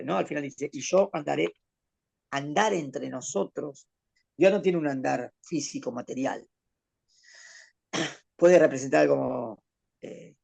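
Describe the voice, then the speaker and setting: A man's voice: mid-range voice, vocal fry, dark tone. A rabbi teaching a Torah class to a student, explaining patiently and posing questions as he goes. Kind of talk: conversational Torah lesson with a student.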